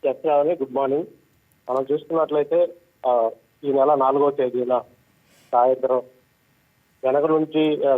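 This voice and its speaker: A male news correspondent giving a live report, halting with frequent filler sounds. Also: mid-range voice. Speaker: special correspondent. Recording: tinny phone line.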